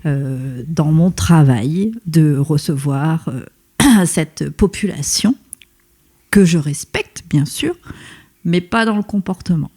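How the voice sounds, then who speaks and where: A woman's voice: low-pitched, takes it slowly, mellow. A woman co-hosting a podcast, of Vietnamese heritage and raised in France, talking in casual chat and hesitating with many fillers. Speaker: podcast co-host.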